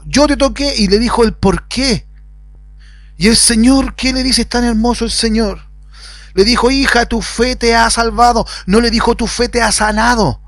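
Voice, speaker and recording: A man preaching a sermon, swinging between loud emphatic rises and quiet lowered phrases. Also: no room sound. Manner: preaching with sudden rises and drops in pitch. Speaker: pastor. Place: at home.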